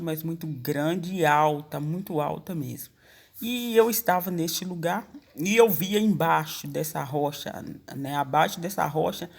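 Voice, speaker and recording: A woman's voice: sits low, creaky, a little mellow, husky. A Brazilian woman preacher sharing a dream as a testimony, in an earnest storytelling manner with many fillers and restarts. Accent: Brazilian Portuguese. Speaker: evangelical preacher.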